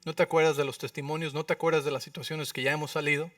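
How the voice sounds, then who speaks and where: A male pastor preaching a sermon, acting out prayers and dialogue with sudden loud outbursts and often asking the congregation questions. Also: on the high side, little pitch movement, rapid-fire, dry recording, studio quality, distant mic. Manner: asks the congregation for agreement with frequent rhetorical questions. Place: church.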